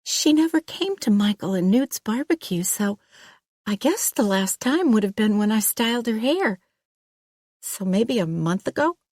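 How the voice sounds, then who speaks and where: Lady doing a jittery young hairdresser girl, high and unsure, dry close audiobook read. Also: expressive, a little slow, darkish tone, no room sound. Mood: flustered. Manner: hesitant, high and flustered. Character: nervous young woman hairstylist, flustered.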